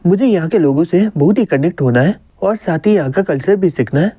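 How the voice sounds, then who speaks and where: A man's voice: high-pitched, animated, a little fast, mellow, breathy edge, dry recording. A man reading a flustered young hero. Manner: flustered inner monologue. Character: flustered young man reborn in an elf world.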